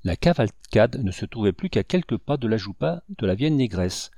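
A man narrating a novel in a steady, measured audiobook reading. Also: fairly low pitch, dry recording, studio quality.

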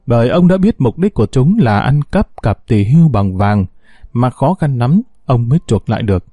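A man narrating a scripted story in a steady, measured way. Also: mid-range voice, no echo, studio quality.

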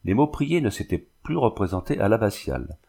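A man reading a novel aloud as steady scripted narration, lifting his voice a little for the characters' lines. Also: lowish voice, brisk, gravelly. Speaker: audiobook reader.

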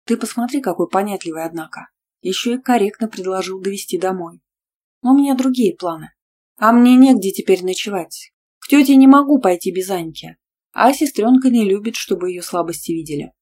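Lively woman reading an audiobook. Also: medium pitch, brisk, a little hiss or hum. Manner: lively, sarcastic, emphatic. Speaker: audiobook reader. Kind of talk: first-person audiobook narration.

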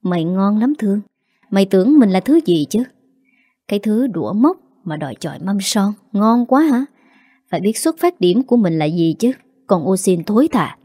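In this storybook reading, a scornful conniving young woman sneers and mocks her rival, as a woman narrator puts her on. the voice is soft and mellow and close up, with a dry sound and no room around it. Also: medium pitch, expressive, normal speed, dry recording, lightly acted. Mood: sneering. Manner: sneering, mocking.

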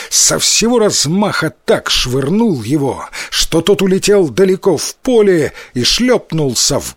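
Man, slow measured storybook reading, lively pitch, dry recording. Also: no room sound. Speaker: narrator. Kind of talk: storybook narration.

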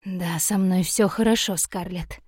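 A woman reading an audiobook, voicing a gentle, protective young mortal prince who speaks softly and soothingly. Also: on the low side, unhurried, breathy edge, dry recording, clean studio sound. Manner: soft, soothing.

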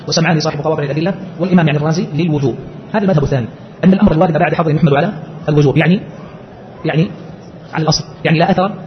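A man's voice: a little high, slight background noise. A man teaching and explaining a scholarly text, posing rhetorical questions as he goes. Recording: muffled lo-fi lecture recording.

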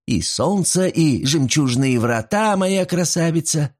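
A man voicing a fussing, warm-hearted servant woman who dotes on her young mistress. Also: medium pitch, lively intonation, normal speed, voice pushed up, lightly acted. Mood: doting. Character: warm-hearted middle-aged female servant.

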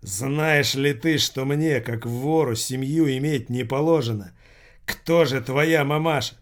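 A man voicing a gruff old male thief boss, speaking hoarsely and with hatred. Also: mid-range voice, a little slow, close to an everyday voice. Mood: hostile.

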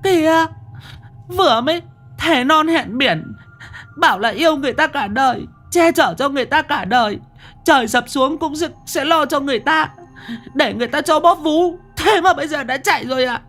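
A man voicing a frightened young village girl who wails and pleads tearfully in a shrill voice. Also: animated, normal speed, fairly bright tone, faint music behind, exaggerated voice. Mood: tearful pleading.

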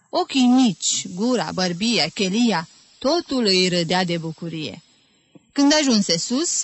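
A woman reading a literary novel aloud as an audiobook, in a lively, expressive storytelling manner. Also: lowish voice. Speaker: audiobook reader.

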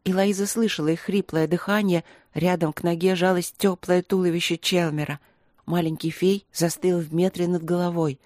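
Woman reading a fantasy audiobook, lowish voice, super dry close mic. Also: fairly even intonation, moderate pace, a little mellow, no room sound. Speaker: audiobook narrator. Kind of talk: scripted fantasy story narration.

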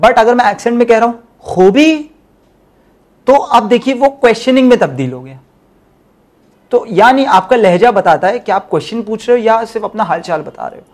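A man teaching a Farsi class, drilling syllables slowly and explaining in a mix of Urdu and English. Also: high voice, animated. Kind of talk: language lesson.

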